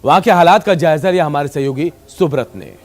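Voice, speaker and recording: A man's voice: fairly high pitch, quick pace. A male news anchor giving voice-over reports.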